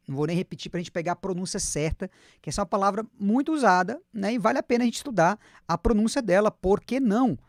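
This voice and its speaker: A man's voice: sits high, no echo, clean studio sound. A man teaching an online English lesson, chatty and encouraging, whose first language is Portuguese. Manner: lively, chatty, repeats words slowly for students to copy.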